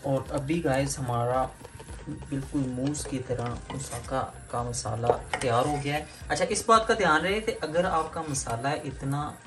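A man's voice: medium pitch, measured pace. Chatty man hosting a cooking vlog. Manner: chatty, explains each step to viewers. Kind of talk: casual cooking demonstration. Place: home kitchen. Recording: echoey room with background music.

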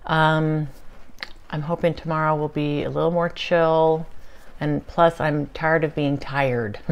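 A woman's voice: low voice, fairly even intonation, slow pace. A woman giving a casual daily spiritual video update, chatty, with frequent ums and small laughs. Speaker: spiritual channeler vlogger.

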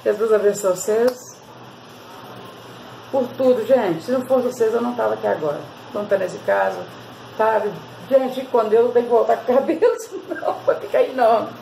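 A woman's voice: on the high side, moderate pace, vocal fry, warm tone, slight background noise, low-quality recording. A Brazilian woman vlogger, chatting with her viewers as she tells a story and shares a hair-care tip. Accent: Brazilian Portuguese. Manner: chatty, constantly addresses viewers.

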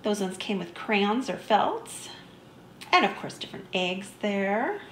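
A woman's voice: mid-range voice, very animated, measured pace, roomy sound, slight background noise. A woman narrating a shopping vlog in a chatty, easygoing way, enthusiastic about small finds. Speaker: vlogger. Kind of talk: shop-with-me voice-over narration.

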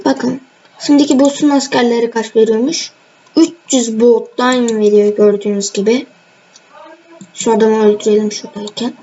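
A woman's voice: fairly high pitch, steady tone, moderate pace, dark tone. A young woman casually commenting on her gameplay, talking straight to viewers and teasing the players she fights. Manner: chatty, teasing, addresses viewers directly. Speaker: gaming channel host. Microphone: screen-recorded voice mic. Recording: dull lo-fi home mic with faint noise.

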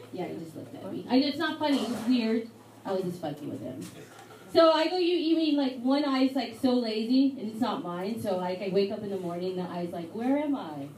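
A young woman from Mexico doing a live stand-up set in a pub, with a halting, rambling delivery full of fillers. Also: on the high side, expressive, distant mic, slight background noise. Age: young adult. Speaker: stand-up comedian. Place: hotel pub comedy night. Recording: echoey live room miked from afar with loud crowd. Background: audience chatter and laughter.

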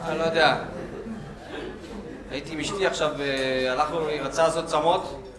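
A man's voice: a little high, steady tone. A man doing a stand-up comedy set on a club stage, telling stories and acting out the dialogue in raised voices. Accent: Israeli. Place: club stage before a live audience. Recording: roomy club sound with crowd laughter.

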